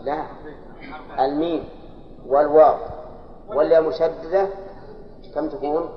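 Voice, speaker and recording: A man's voice: a little high, fairly even intonation, unhurried. Man lecturing in an echoey hall. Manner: explains step by step, quizzes students with "ها؟". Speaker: teacher of Arabic grammar. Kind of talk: classroom lecture on grammar. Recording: echoey hall, dull lo-fi sound, faint hiss.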